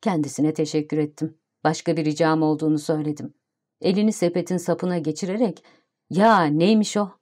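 Woman reading a novel aloud, calm and even, warm lowish voice. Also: fast. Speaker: audiobook narrator. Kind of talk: literary audiobook narration.

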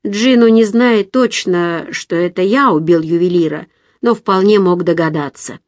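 A woman reading the lines of a suspicious, menacing young man in an audiobook, low, slow and guarded. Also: dry recording, studio quality, lightly acted. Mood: wary.

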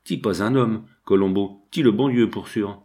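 A man's voice: medium pitch, sing-song, normal speed, a little mellow, voice pushed up, close to an everyday voice. A man reading an audiobook, voicing a cheerful male ship's cook who talks in broken, childlike speech. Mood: adoring. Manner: broken childlike French, exclamatory.

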